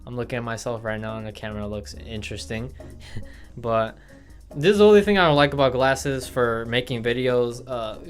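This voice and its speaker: A man's voice: mid-range voice, moderate pace, smooth. Rambling young man vlogging. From Milwaukee, Wisconsin, USA. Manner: rambling, filler-heavy, self-correcting. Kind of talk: casual facts-about-me vlog. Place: indoor room with studio lights. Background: faint background guitar music.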